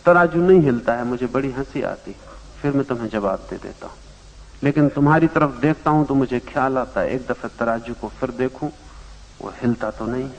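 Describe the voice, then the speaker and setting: A man giving a spiritual discourse, telling a parable in slow phrases with long pauses, his loudness rising and sinking. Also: medium pitch, big-room sound. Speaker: spiritual teacher. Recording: dull lo-fi archival tape.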